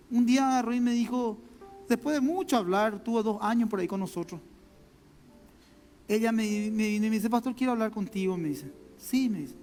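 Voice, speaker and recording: A man's voice: high voice, a little mellow. A man with a Paraguayan Spanish accent, a pastor giving a conversational sermon full of personal stories, often repeating his words and speaking straight to the congregation. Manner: conversational, repeats words, addresses listeners directly. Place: church sanctuary. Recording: long hall reverb, faint music.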